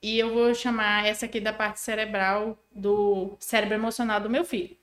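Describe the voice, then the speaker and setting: A woman's voice: mid-range voice, normal speed, echoey room. A woman on a podcast explaining parenting step by step, acting out what a child and a parent say. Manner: animated, acts out child and parent voices. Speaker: guest parenting expert.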